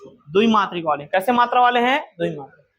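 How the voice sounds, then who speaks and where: A man's voice: sits high, lively intonation, fast talker, a bit bright. A man teaching a grammar lesson to a class, quizzing students with repeated questions.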